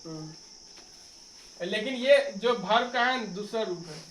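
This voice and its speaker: Male teacher, high voice, echoey classroom heard from a distance, drilling spelling and pronunciation. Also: animated, slow pace, a bit bright. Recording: echoey room, mic far off, faint noise.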